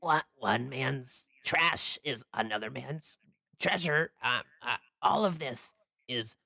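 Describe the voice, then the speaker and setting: A man's voice: mid-range voice, vocal fry, pushed and bright, dry recording, pitched above the performer's own voice, full character voice. A man voicing a flustered, proud, stammering male shopkeeper in a tabletop fantasy game. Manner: halting, stammering, indignant.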